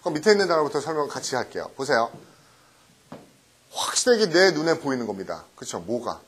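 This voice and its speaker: A middle-aged man teaching English vocabulary in a recorded lecture, often quizzing his students with quick questions and tag checks. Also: mid-range voice, very animated, a bit bright, breathy edge. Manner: mixes English words into explanations.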